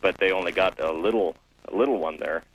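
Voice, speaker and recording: A man phones in to a radio show with a very low, husky voice. He rambles casually through an anecdote, halting and meandering as he goes. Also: muffled recording.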